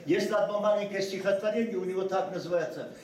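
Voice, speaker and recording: Improvising a ceremonial speech as a guest at a memorial, an older man speaks in a high, slightly mellow voice through a distant mic in an echoey school hall, with a faint hiss or hum. His first language is Ossetian, and his delivery is halting and full of restarts.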